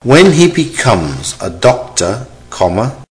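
A man reading a dictation exercise, saying each phrase three times in a measured, deliberate way and speaking the punctuation aloud. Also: medium pitch, sing-song. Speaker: dictation reader. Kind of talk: slow repeated dictation with spoken punctuation.

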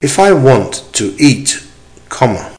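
A man reading a dictation exercise as a teacher, in short, measured, deliberate phrases with punctuation spoken aloud. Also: medium pitch, big pitch swings, a little mellow. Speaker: language teacher giving dictation.

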